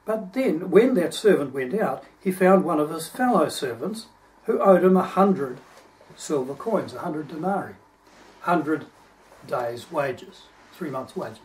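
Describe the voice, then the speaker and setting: Earnest preacher, slightly high, heard from afar. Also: male voice, lively intonation. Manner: earnest, explanatory, pauses to clarify verses. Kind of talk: sermon with scripture reading. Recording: distant microphone.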